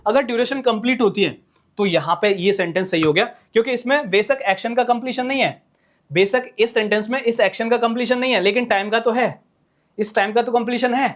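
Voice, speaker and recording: A man's voice: extremely high pitch, fairly bright tone. A man teaching an English grammar lesson in Hindi, repeating each point and often checking whether the viewers, whom he calls friends, have understood. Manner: repetitive, checks in with "clear hai na?"; slows down while writing examples.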